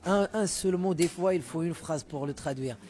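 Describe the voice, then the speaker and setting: A man's voice: fairly high pitch, normal speed, a little mellow. A Moroccan musician, a man whose first language is Moroccan Arabic, talking casually in an interview and often repeating words while he searches for terms. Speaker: musician guest.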